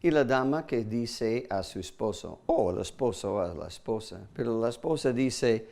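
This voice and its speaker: A man preaching a sermon, emphatic, with sudden jumps in pitch and hesitant fillers, acting out short quoted apologies. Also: lively intonation, moderate pace, gravelly, a little mellow.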